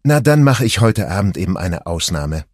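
Male narrator doing a mom in her 40s, easygoing and teasing, low dry storybook voice. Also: sing-song, normal speed, a little mellow, husky, dry recording, full character voice. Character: mother of two boys, woman, 40s, easygoing.

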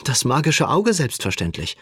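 A teasing, quick-witted young woman from an audiobook, her voice lifted noticeably higher than the reader's own, as a man puts her on. She talks in a lively, bantering way, close and dry. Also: slightly rough, no room sound. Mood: playful teasing.

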